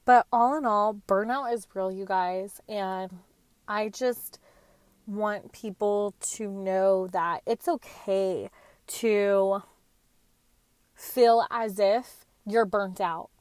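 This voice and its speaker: A woman's voice: mid-range voice, fairly even intonation, extremely slow, a little mellow, dry recording. Earnest woman in her late twenties. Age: late 20s. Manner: chatty and earnest, with slangy asides. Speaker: podcast host. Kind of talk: casual solo talk.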